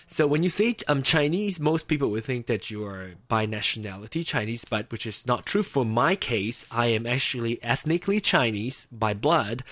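A man's voice: medium pitch, lively intonation, moderate pace, hardly any pauses, a bit bright, dry recording. A male host from Malaysia speaks in an easygoing talk-show manner. He laughs easily and often circles back mid-sentence. The sound is dry and close. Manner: chatty, laughs easily, many restarts. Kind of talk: casual radio talk.

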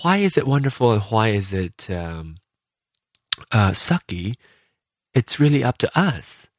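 A man hosting a podcast, talking casually and reflectively about himself, often pausing and rephrasing as he thinks aloud. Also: lowish voice, big pitch swings, no echo, clean studio sound. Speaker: podcast host. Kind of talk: casual reflective personal monologue.

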